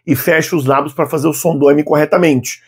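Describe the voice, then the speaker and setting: A man in his fifties with a Brazilian Portuguese accent, teaching a video language lesson and patiently saying model phrases slowly for students to repeat aloud. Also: on the high side, fairly even intonation, a little mellow, breathy edge. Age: 50s. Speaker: Arabic teacher.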